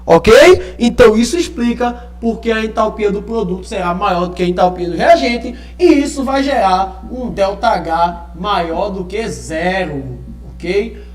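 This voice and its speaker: A man's voice: sits high, measured pace, few pauses. A male teacher gives a live online class from home, checking in often with the students. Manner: checks in often with tag questions. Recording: echoey room with faint music.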